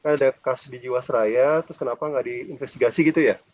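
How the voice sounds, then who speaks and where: A man's voice: mid-range voice, quick pace, a little mellow, no echo. A man lecturing a university class over a video call with a dull, choppy connection, chatty and ending phrases with a questioning "ya". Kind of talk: casual online class lecture.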